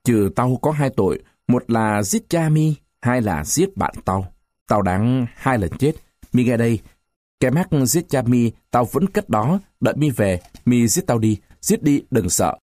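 A man's voice: mid-range voice, expressive, unhurried, darkish tone, no room sound, studio quality. A man voicing a stern, grieving old villager. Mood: grave resolute.

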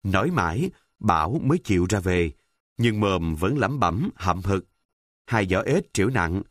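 Man, story narrator, calm measured reading, low voice, dry close recording. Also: no echo.

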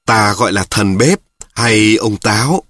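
A man's voice: fairly low pitch, a little slow, a bit bright, no room sound. A man reading a story, voicing a weary grown son who talks in a dry, mocking way. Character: weary, sardonic adult son.

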